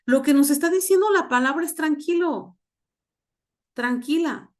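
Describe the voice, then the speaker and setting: Slow, emphatic woman pastor. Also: high voice, darkish tone. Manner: slow, emphatic, repeats key words. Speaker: pastor teaching a leadership class. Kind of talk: church class lecture.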